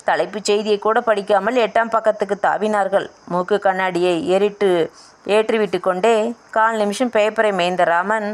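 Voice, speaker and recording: A woman's voice: medium pitch, fairly even intonation, normal speed. A woman reading a family novel aloud as an audiobook narrator, voicing the dialogue in her own voice.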